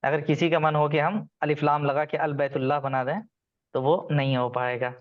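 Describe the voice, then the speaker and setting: A man's voice: on the high side, little pitch movement, moderate pace, narrow, tinny audio. A man teaching an online grammar class, patiently explaining rules and calling on students by name.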